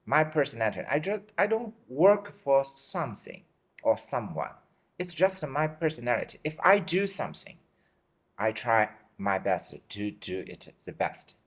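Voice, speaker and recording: A man in his forties from China, Chinese native, answering interview questions in simple, halting English and repeating himself, tired. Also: mid-range voice, sing-song, fairly bright tone, husky. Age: 40s. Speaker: dentist guest. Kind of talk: interview answers in second language.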